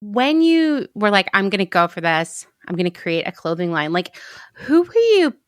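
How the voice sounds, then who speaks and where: A woman's voice: medium pitch, very animated, normal speed, no echo, studio quality. A woman hosting a podcast interview, laughing often and asking loose, casual questions. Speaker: podcast host.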